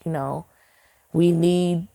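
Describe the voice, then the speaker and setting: A woman's voice: on the low side, steady tone, takes it slowly, gravelly, dark tone. A woman singer and songwriter, a guest in a casual podcast interview, talking earnestly and heartfelt with many "you know" fillers and restarts.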